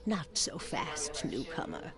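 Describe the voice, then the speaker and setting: Very slow, cryptic fortune teller. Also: female voice, low-pitched, big pitch swings, full character voice. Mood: mysterious, beckoning. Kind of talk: video game voice acting. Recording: music behind the voice.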